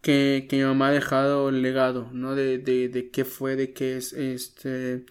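A man, a pastor telling an emotional personal testimony in an interview, earnest and halting, often dropping to a hush. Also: mid-range voice, completely flat delivery, smooth. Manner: earnest, halting, many restarts, drops to a soft voice when quoting prayers.

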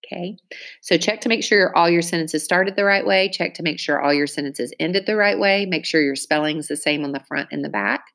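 A woman teacher giving a spelling test, reading each word clearly and using it in an example sentence. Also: fairly low pitch, brisk, fairly bright tone. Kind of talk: spelling dictation lesson.

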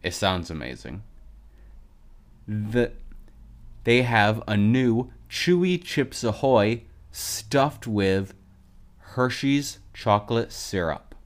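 A man's voice: on the low side, lively intonation, slow pace, pauses often. A man hosting a casual solo podcast, speaking with a lisp in a chatty, enthusiastic way. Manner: chatty and enthusiastic about snack foods. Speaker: podcast host.

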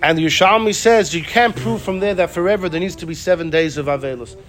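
A man teaching an informal Torah class, animated, often repeating himself and acting out the people he quotes. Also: sits high, fast talker. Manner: animated, acts out quoted speakers, repeats phrases.

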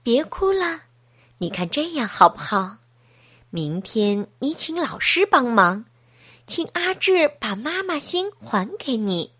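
Woman doing a gentle storybook mom, soft and soothing, low-key. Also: very animated, slow, slightly rough, no echo, heavily acted. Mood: comforting. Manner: soft, comforting. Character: soothing, kind young mother.

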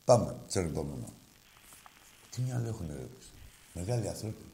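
A man's voice: sits low, animated, mellow, roomy sound. A man hosting a sports call-in show, trading crude, mocking banter with callers and raising his voice. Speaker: radio sports show host. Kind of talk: casual heated call-in banter.

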